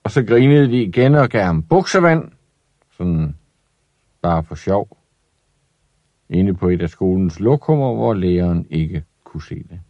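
A man reading a children's story aloud in an expressive, lively way. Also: low voice, long pauses, no room sound, muffled recording.

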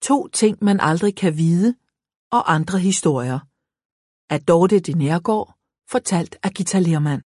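A woman narrating a children's audiobook in the first person with a gentle, reflective storytelling manner. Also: fairly low pitch, breathy edge, no room sound, clean studio sound.

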